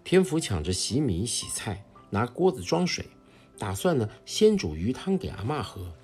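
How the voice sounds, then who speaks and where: A woman narrating a children's story in an expressive reading. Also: rumbling low, normal speed, husky, soft background music.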